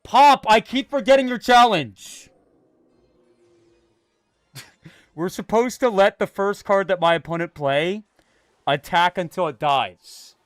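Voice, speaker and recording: A young man live streaming and chatting with his viewers, jumping between loud hype and a low, mock-menacing mutter. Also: slow, long pauses, no echo, clean studio sound, soft background music.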